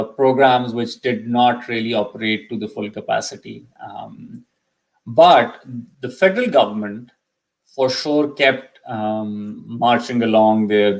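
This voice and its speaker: In a casual live stream about immigration, the host, a middle-aged Urdu-speaking man with a lowish voice, fills his talk with ums and restarts. A slight illness brings a cough, and audio quality is poor.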